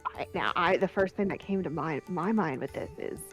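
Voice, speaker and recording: A woman's voice: on the low side, lively intonation, normal speed, a bit bright, faint music behind. A woman talking casually as a player in a tabletop fantasy game.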